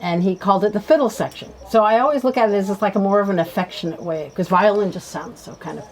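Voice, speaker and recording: A woman's voice: medium pitch, fast talker, poor audio. A woman guest musician chatting casually and laughing easily. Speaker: guest violinist. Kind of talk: casual chat.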